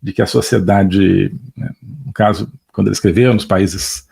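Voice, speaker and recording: A man's voice: low-pitched, steady tone, normal speed, vocal fry, darkish tone, slightly rough. A middle-aged man with a Brazilian Portuguese accent giving an online political lecture, hesitant, full of fillers and tag questions.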